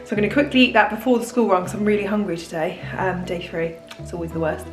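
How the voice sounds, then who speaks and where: A woman's voice: mid-range voice, quick pace, echoey room, over music, poor audio. A British woman in her thirties chatting candidly in a casual food vlog from her home kitchen, laughing easily as she talks. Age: 30s. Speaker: diet plan consultant and vlogger.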